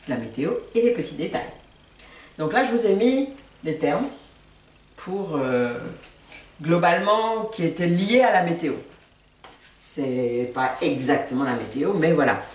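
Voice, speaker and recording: Low-voiced woman teaching words slowly. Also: expressive, a little mellow. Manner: patient, repeats words slowly with pauses. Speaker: language teacher. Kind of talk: casual spoken language lesson. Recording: echoey room, mic at a distance.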